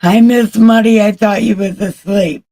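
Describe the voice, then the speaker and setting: A woman's voice: mid-range voice, fairly even intonation, normal speed, dark tone. A woman livestreamer in casual chat, talking candidly and with plenty of swearing to her viewers. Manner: candid, profane, chatting with viewers.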